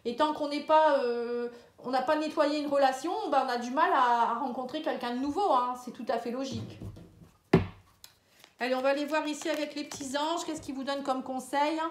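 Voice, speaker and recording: A woman's voice: high voice, steady tone, a little fast, roomy sound, slight background noise. A woman giving a casual spoken tarot and horoscope reading, talking straight to the viewer, hesitant and full of fillers. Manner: speaks directly and familiarly to the viewer. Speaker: astrology and tarot reader.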